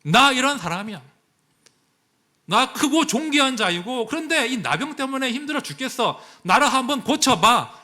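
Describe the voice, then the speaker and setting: A man's voice: extremely high pitch, big pitch swings, moderate pace, bright, forceful tone, voice pushed up, full character voice. A male pastor voicing a proud, indignant army general during a sermon. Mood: boastful. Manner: boastful, affronted.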